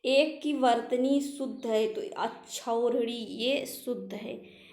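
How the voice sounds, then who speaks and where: A woman's voice: a little high, fairly even intonation, slow, a little mellow, roomy sound. A woman teaching a Hindi spelling lesson for exam preparation, who goes through answers one by one, repeats the correct words and asks rhetorical questions.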